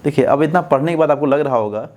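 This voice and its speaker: A man's voice: on the high side, quick pace, darkish tone. Indian man teaching exam English. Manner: explains step by step, asks students rhetorical checks. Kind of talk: exam-prep lesson explaining answers.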